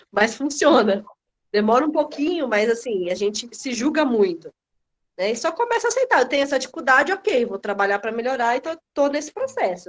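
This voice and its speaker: Woman, course participant on a group call; lively storyteller who acts out dialogue, slightly high voice. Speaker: course participant sharing her experience. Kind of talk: casual chat on a group video call.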